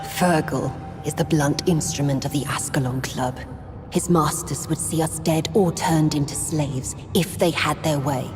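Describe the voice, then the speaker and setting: An old female leader of vampire outcasts, proud and guarded. Her low voice is stern and measured in dramatic video game style. It carries a long hall reverb, with music behind. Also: fairly even intonation. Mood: grave.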